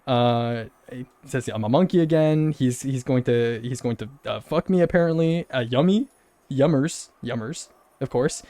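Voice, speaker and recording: A man's voice: mid-range voice, normal speed, warm tone, no echo. A young man telling a long story, rambling and repeating himself with incredulous laughs. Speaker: streamer. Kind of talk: casual storytelling rant.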